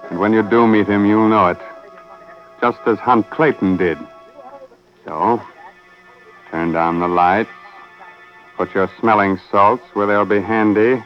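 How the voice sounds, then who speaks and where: An actor playing a courteous, sinister host of macabre radio tales, deliberate and theatrical. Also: male voice, lowish voice, lightly acted. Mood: ominous. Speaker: horror show host. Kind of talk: old radio horror host and narrator. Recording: dull old radio recording with music.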